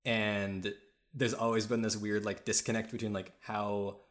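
A fairly low-voiced man talking casually as a podcast co-host. He rambles through his points with many fillers and keeps breaking into laughs, speaking into a podcast microphone. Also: level tone, unhurried, a bit bright. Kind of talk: casual chat. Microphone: podcast mic.

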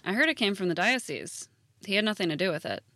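Playing a jaded high school teacher in a naturalistic audio drama, an American woman delivers sarcastic lines bluntly and deadpan. She talks at a quick clip in a dry recording.

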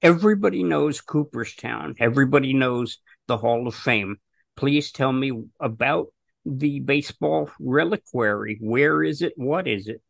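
A man's voice: medium pitch, unhurried, gravelly, no room sound. A man hosting a podcast, asking an interview guest direct, prepared questions. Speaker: podcast host.

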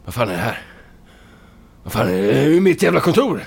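Cocky cursing game hero, gravelly, lively pitch, brash, talks to himself. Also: male voice, full character voice. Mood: taunting, aggressive. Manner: profane, boastful, talks to himself. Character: brash foul-mouthed male hero. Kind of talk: video game voice acting.

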